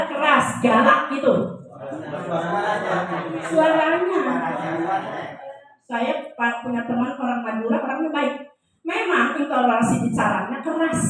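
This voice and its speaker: A woman's voice: high-pitched, fairly bright tone. A woman lecturer teaching a class in a joking way, quizzing her audience with questions. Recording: very echoey room, voice heard from a distance.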